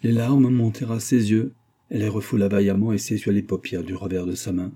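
A man reading a classic novel aloud in measured, scripted narration. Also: fairly low pitch, little pitch movement, dark tone, breathy edge. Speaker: audiobook reader.

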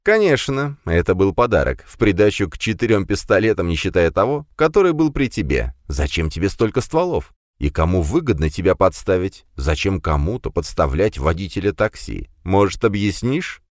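A male narrator voicing a sharp, sarcastic police interrogator who presses with mocking questions. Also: deep voice, sing-song, moderate pace, few pauses, no echo, clean studio sound.

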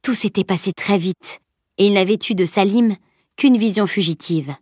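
A woman narrating a novel as an audiobook, in an even, steady reading. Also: medium pitch, normal speed, husky, dry recording, clean studio sound. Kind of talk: scripted narration.

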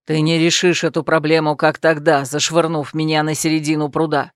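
A woman's voice: flat delivery, brisk, no echo, studio quality, close to an everyday voice. Woman doing an exasperated young man. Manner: low, groaning, pleading.

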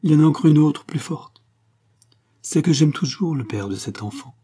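A fervent young woman who pleads and declares her love with passion, as a male reader puts her on. The voice rides higher than his own, warm and a little husky. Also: expressive, normal speed. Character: young woman, pregnant, loving and impulsive. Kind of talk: audiobook reading.

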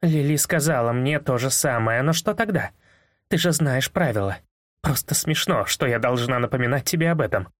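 A stern, protective older sister speaks in a sharp, reproachful audiobook voice, as a male narrator puts her on. Her delivery is dry and close, with no room sound around it. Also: mid-range voice, lively intonation, normal speed, no echo, close to an everyday voice. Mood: angry, reproachful. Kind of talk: audiobook character voice.

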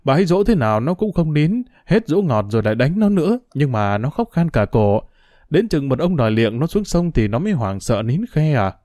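A man's voice: on the high side, big pitch swings, fairly quick, warm tone, no echo, studio quality. A man doing a fretful old boatman. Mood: worried. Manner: deferential, fretful exclamations. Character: humble older male ferry boatman, anxious.

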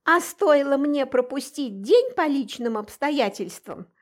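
A woman's voice: fairly high pitch, animated, normal speed. A woman voicing an indignant, jealous young mermaid in an audiobook, speaking in a whiny, reproachful way.

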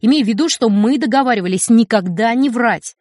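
A woman's voice: fairly high pitch, fairly quick, a little mellow, dry recording, close to an everyday voice. A dry, stern mother, as a woman reader puts her on. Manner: dry, clipped, commanding. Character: stern, cold middle-aged mother. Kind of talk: audiobook character reading.

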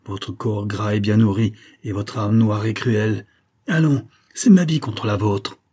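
A man voicing a burly, hoarse peasant who rants with hatred and threatens to kill. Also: on the low side, unhurried. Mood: menacing. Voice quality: hoarse, harsh. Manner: ranting, menacing, shouting curses. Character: hoarse vengeful rough male peasant, burly, full of hatred.

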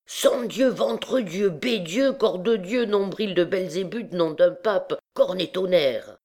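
A woman's voice: low-pitched, expressive, slow pace, dark tone. A woman voicing a swaggering young male army captain who bellows oaths boisterously. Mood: swearing.

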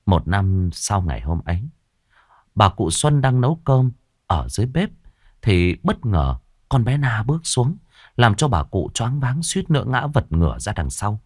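Male ghost-story narrator, deep voice, very expressive. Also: unhurried, dry recording. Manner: lively, dramatic storytelling. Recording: dry close mic with soft music.

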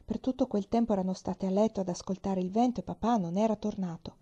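Warm-voiced woman reading a story aloud. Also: medium pitch, quick pace, breathy edge, dull audio. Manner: expressive, drops to whispers. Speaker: reader. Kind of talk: audiobook narration.

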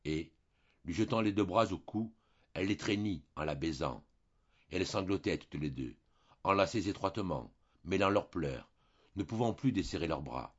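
Casting: low male reader for a classic novel, husky tone, slightly muffled recording. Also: animated. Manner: measured storytelling delivery. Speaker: audiobook reader. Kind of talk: literary audiobook narration.

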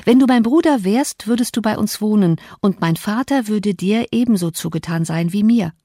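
A woman's voice: medium pitch, expressive, dark tone, no echo, studio quality. A woman reading an audiobook, voicing an earnest, hot-tempered teenage girl. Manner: earnest, quick to flare up.

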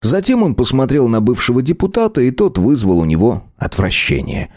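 A man narrating an audiobook with an expressive reading. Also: mid-range voice, brisk, no room sound, studio quality.

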